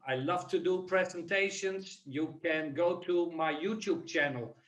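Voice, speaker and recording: A Dutch-accented man speaks slowly and earnestly over a video call, his voice set a little high. He sits away from the mic, and the room gives the sound a hollow echo. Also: a bit bright, dull audio. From Netherlands. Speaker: webinar presenter. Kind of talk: casual webinar talk. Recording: echoey, distant from the mic.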